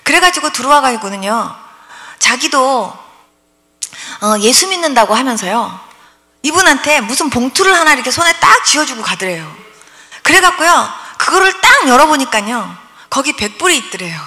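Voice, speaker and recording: A woman's voice: sits high, normal speed. A woman in her sixties, a pastor telling testimony stories at a revival sermon, acting out prayers and dialogue as she goes. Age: 60s. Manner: lively storytelling, acts out prayers and dialogue. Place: church revival meeting hall. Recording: long hall reverb.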